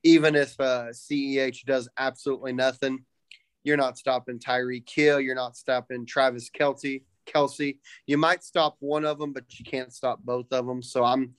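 Halting male co-host, dry sound. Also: mid-range voice, level tone, clear, resonant tone, no room sound. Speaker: podcast co-host. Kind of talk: casual podcast chat.

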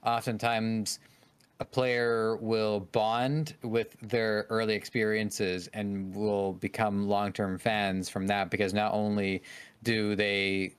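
A man co-hosting a casual podcast, making measured, articulate points. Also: on the low side, level tone, clean tone. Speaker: podcast co-host. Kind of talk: casual chat.

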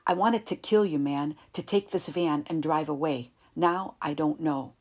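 Woman doing a nervous desperate guy with a gun, yelling, a bit husky and lowish. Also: unhurried. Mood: confused. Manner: shouting, nervous, confused. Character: agitated young male gunman, desperate and jumpy.

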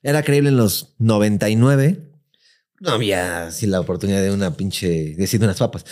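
A man with a Mexican accent, chatting casually as a podcast co-host, telling an animated story full of slang and acted-out quotes. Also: fairly low pitch, moderate pace. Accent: Mexican Spanish. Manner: animated, acts out quotes in raised voice, heavy slang.

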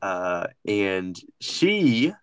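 A man's voice: low voice, sing-song, drawn-out words, fairly bright tone, smooth, no echo, studio quality. A man co-hosting a comedy talk show, speaking in a pompous, mock-formal, old-timey way. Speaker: podcast co-host. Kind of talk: comedic banter.

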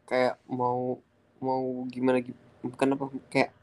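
A young man with a medium-pitched voice and a Jakarta accent talks casually as a podcast guest. His speech is blunt city slang, peppered with swearing. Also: completely flat delivery, a little slow, a little mellow, clean tone. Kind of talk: casual chat.

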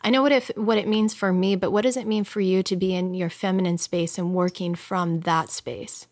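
A woman's voice: on the low side, steady tone, normal speed, darkish tone, no room sound, clean studio sound. A flirty, effusive woman with an American accent, hosting a casual, chatty podcast. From United States. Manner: flirty, effusive, uses endearments. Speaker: podcast host, sex expert.

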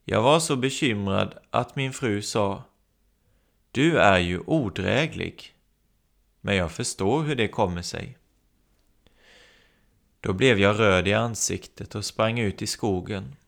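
A man's voice: on the low side, creaky, a bit bright. A man preaching a sermon, telling stories and acting out the voices in them. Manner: storytelling, acting out quoted voices.

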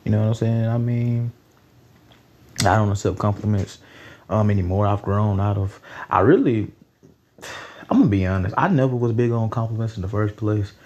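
Young man, late teens, dark low voice, loose profane podcast rambling. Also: moderate pace, long pauses, highs cut off. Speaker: podcast host. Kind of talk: solo podcast commentary.

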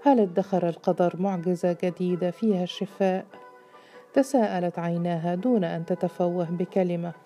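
A woman reading a literary story aloud, measured and steady. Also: on the low side, faint music behind. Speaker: narrator. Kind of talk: scripted audiobook narration.

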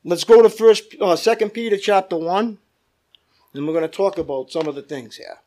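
A man's voice: high voice, moderate pace, warm tone. A man preaching a church sermon in an emphatic manner, stretching out key phrases and checking in with the congregation. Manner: calls for amens from listeners.

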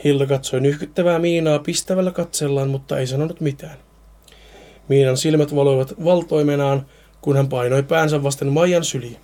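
Man reading a horror story aloud, mellow. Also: a little high, fairly even intonation. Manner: stumbles and repeats words while reading.

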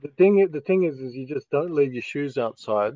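Broad Australian bloke, sweary and slangy. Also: male voice, a little high, expressive, fairly quick, dry recording, narrow, tinny audio. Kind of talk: casual chat, rambling storytelling.

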